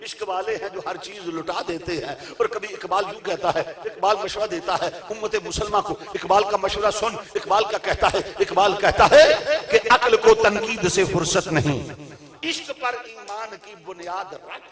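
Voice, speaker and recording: A man preaching a sermon with a Pakistani Urdu accent, reciting verses and building to loud repeated refrains. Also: high-pitched, moderate pace, crowd noise. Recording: roomy echo from a distance.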